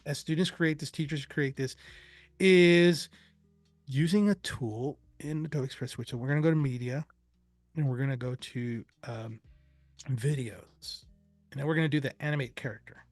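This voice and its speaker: A man presenting a live software demo, chatty and enthusiastic, rambling with fillers. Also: mid-range voice, normal speed, dry recording, soft background music.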